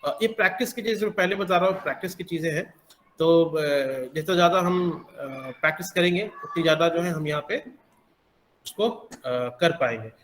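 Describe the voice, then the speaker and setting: A man teaching English pronunciation, explaining slowly with many hesitant pauses. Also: sits high, fairly bright tone, roomy sound, slight background noise. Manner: slow, halting, many filler pauses. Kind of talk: explanatory classroom lesson.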